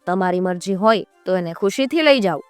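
A woman voicing a frightened young goldsmith who pleads and bargains in a hurried, fearful way. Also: lowish voice, animated, smooth, dry recording, soft background music, natural voice.

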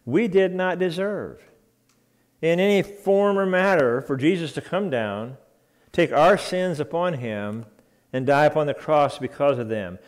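A man's voice: on the high side, a little slow. A man preaching a sermon in a church, earnest and emphatic, repeating key phrases for weight. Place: church sanctuary.

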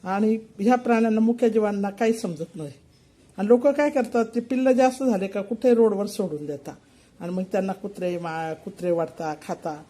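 A woman's voice: mid-range voice, brisk, mellow. Older woman cooing to her cats. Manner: coos and talks baby-talk to her cats. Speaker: vlogger showing her pet cats. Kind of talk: casual home video narration. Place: at home.

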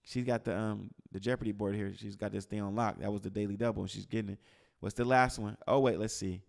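A man's voice: on the low side, quick pace, gravelly. A man preaching an interactive sermon to a live group, quizzing the room and calling on people by name. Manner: animated, swings from loud to hushed. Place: church gathering with a live group.

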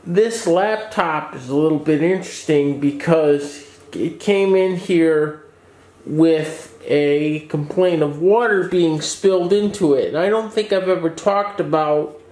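In a casual update from his computer shop, a man with a fairly high, slightly mellow voice speaks slowly and steadily, explaining each repair plainly and occasionally restarting a sentence. He's indoors in a small office workshop with a desk, where his voice rings a bit off the echoey walls.

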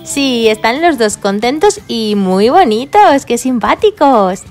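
Brief: bright, cheerful woman, hosting a kids' toy video, faint music underneath. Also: fairly high pitch, sing-song, slow. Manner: cheerful, explaining to children. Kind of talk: toy play and review for children.

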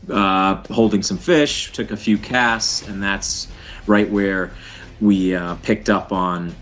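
A man in his thirties on a webcam video call, recounting a rescue at sea in a halting way, full of "uh" and "you know". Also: on the low side, a bit bright. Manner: halting, many fillers and pauses. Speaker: fisherman describing a rescue. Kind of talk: casual interview account. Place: indoor room at home.

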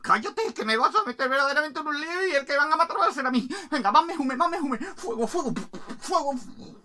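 A woman voicing a nervous royal cook, hushing and fretting in a hurry. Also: high voice, expressive, a little hiss or hum, voice pushed up. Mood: flustered. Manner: hurried, fretful hushing.

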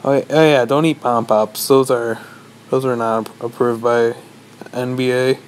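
A young man giving a rambling, deadpan comic monologue, posing as a lecturer. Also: medium pitch, normal speed, a little hiss or hum, rough recording. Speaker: vlogger. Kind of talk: mock-serious comedic monologue.

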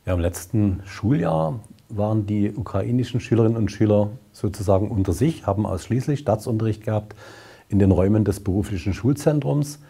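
A man in his sixties, a school principal, speaking formally and at a measured pace to the camera in a classroom, on a lapel mic. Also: fairly low pitch, gravelly, mellow, breathy edge. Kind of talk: welcoming, explanatory address to camera.

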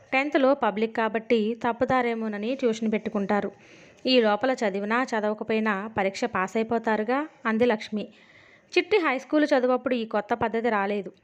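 A woman reading a novel aloud as an audiobook, shifting her voice a little for the characters' dialogue. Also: on the high side. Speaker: audiobook narrator. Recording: dull lo-fi recording.

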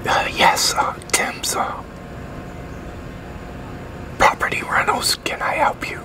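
An American man in his sixties whispers a hesitant, halting ASMR roleplay as a leasing agent. He's in an outdoor covered picnic pavilion with metal tables.

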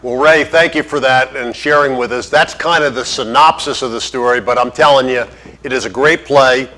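A man's voice: medium pitch, steady tone, moderate pace, bright, forceful tone, rough recording. A man hosting an interview show, asking questions and plugging an upcoming play. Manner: friendly, promotional. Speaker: show host.

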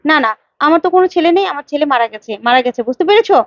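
A woman's voice: high voice, lively intonation, racing, no room sound. A woman voicing an older village mother who is secretive and scolding, on a dull lo-fi recording. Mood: anxious, shrill. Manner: defensive, scolding, shoos visitors away.

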